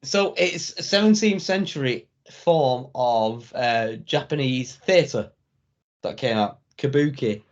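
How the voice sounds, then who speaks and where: A man co-hosting a casual wrestling review, setting up jokes in a slow, deadpan way. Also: mid-range voice, highs cut off. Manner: slow, jokey, deadpan setups. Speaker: podcast co-host.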